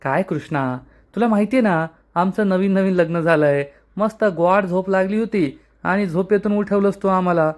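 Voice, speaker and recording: A man voicing a smug, newly married young husband in a retold TV serial scene, who offers mock sympathy with drawn-out exclamations. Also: high-pitched, lightly acted. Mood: complaining.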